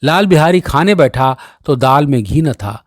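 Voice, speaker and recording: A man reading a classic short story aloud as a storyteller, with steady, expressive narration. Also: mid-range voice, measured pace, no echo, studio quality.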